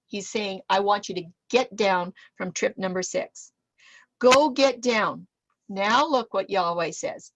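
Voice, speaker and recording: A woman teaching a Bible lesson to a small group, reading scripture aloud with lively emphasis. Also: medium pitch, no room sound, muffled recording.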